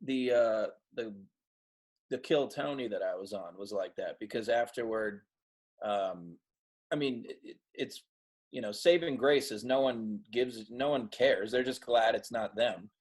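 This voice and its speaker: Guest comic, man, mid-pitched, dry, laid-back delivery with hesitations. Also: measured pace. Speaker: comedian guest. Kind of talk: casual chat.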